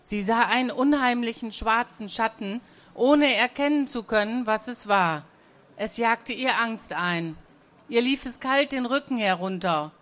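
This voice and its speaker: A woman narrating a children's story in a calm, even, scripted reading. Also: on the high side, measured pace.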